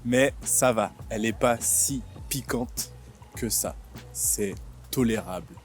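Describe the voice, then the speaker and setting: A man in his twenties from France, hosting a vlog and explaining things simply, with slow, clear speech that repeats and rephrases. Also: lowish voice, faint music behind. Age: 20s. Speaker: vlog host and French teacher. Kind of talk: slow comprehensible-input vlog narration. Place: outdoors in a city.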